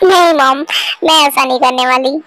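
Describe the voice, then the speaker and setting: A woman voicing a lively, slightly whiny young female college student in an amateur fan dub. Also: sits high, moderate pace, dry recording, voice pushed down.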